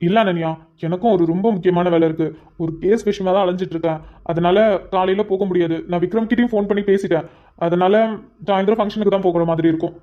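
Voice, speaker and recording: A performer voicing a busy, dutiful young father in a family cartoon who calmly explains his plans. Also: medium pitch, fast talker, phone-quality sound, lightly acted. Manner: calm, explaining, patient. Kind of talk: cartoon voice acting.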